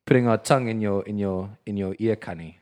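A man's voice: lowish voice, fairly even intonation, fairly quick, darkish tone. Rambling, swearing male podcast co-host. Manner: rambling, restarts often, swears freely. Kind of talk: casual chat over beers.

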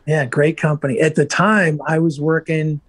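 Middle-aged male guest, slightly higher-pitched, chatty storyteller, dry close sound. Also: level tone, moderate pace, slightly rough, no room sound. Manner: upbeat, chatty anecdotes with many restarts. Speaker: guest, software entrepreneur. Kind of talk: casual interview storytelling.

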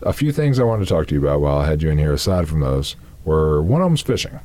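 A man's voice: a bass voice, fast. A man hosting a casual interview, asking questions and murmuring short agreements. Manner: relaxed, asks questions with short agreeing fillers. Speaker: podcast host.

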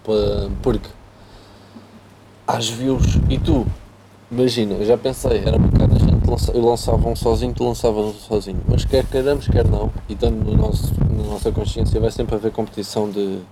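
A man's voice: fairly low pitch, level tone, brisk. A young man in casual banter with a friend, slangy and often breaking off to rephrase. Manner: slangy, hedging, self-interrupting. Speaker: rapper. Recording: loud background noise with clicks.

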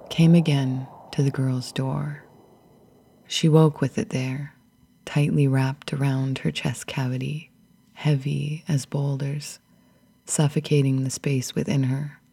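Slow, husky, whispering woman storyteller. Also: deep voice. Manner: slow, hushed, half-whispered delivery. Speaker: podcast host and storyteller. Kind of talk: soothing spoken story.

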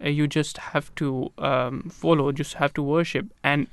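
A man co-hosting a radio show who comments in halting sentences full of hesitations. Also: fairly high pitch, fairly even intonation, clean tone, no room sound. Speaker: radio co-host. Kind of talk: studio discussion.

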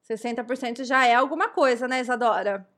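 A Brazilian woman co-hosting a podcast, lively and teasing as she reads listener comments and cheers them on. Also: a little high, a little fast. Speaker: podcast co-host. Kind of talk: casual chat, reading listener comments.

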